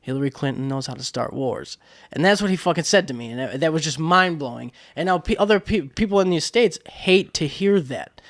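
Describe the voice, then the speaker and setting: Male podcast co-host, fairly high voice, loose rambling storyteller who swears a lot. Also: expressive, fairly quick, few pauses, a bit bright. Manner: rambling storyteller, swears freely, many restarts. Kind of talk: casual chat.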